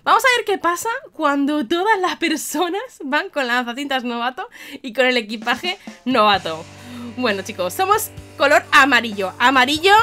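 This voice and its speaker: High, bright-voiced young Spanish woman gamer. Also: moderate pace, soft background music. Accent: Spain Spanish. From Spain. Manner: excitable, laughs often, shouts warnings. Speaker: gaming YouTuber. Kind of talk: live gameplay commentary.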